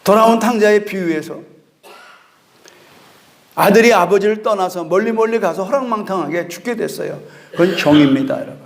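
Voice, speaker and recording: A pastor delivers an early-morning sermon in a very high, gravelly voice. He tells the story with acted dialogue and keeps calling out to his congregation. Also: brisk, long pauses, slight background noise. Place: church sanctuary.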